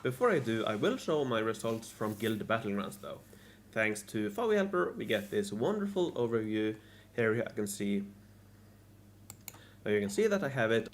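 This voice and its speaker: A man's voice: on the low side, very animated, moderate pace, a little hiss or hum. A man narrating a scripted recap of his strategy game week, restarting and repeating his lines. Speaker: gaming video creator.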